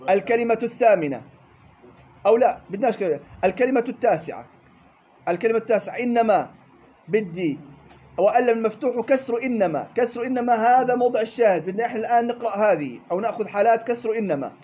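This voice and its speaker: A man's voice: sits high, a little mellow, slightly rough. A man teaching a classroom lesson on Quran recitation rules, explaining step by step, repeating key points and checking with his students. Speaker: tajweed teacher.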